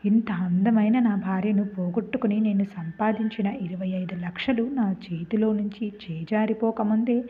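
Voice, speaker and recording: A woman voicing a greedy young husband, a smooth fraud, speaking hushed and hurried in a storybook tale. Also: mid-range voice, lightly acted. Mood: pressing. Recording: tinny phone-like lo-fi.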